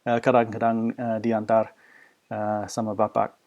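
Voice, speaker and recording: A man's voice: on the low side, completely flat delivery, measured pace, a little mellow, lo-fi sound. An Australian man, a native English speaker, talking about himself as a foreigner in a learned language, with an Australian accent and hesitant searching for words. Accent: Australian-accented Indonesian. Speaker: language teacher. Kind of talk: unscripted personal talk, like an oral interview answer.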